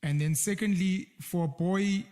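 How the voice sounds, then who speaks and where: A South African man hosts a casual interview, asking questions in an easygoing way. His voice is a little higher than most men's, yet dark and mellow in tone. A long reverb lingers behind him. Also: a little slow. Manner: relaxed, asks questions and jokes. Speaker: host.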